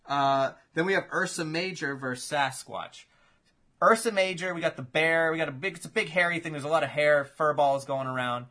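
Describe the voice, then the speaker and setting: A man hosting a casual chat, telling imagined fight matchups in an animated, swearing play-by-play. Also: a little high, brisk.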